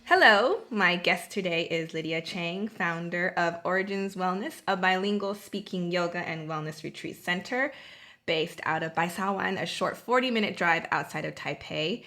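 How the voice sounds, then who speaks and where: Bright-voiced woman podcast host. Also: lowish voice, moderate pace. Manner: friendly, chatty with frequent fillers. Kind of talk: interview podcast.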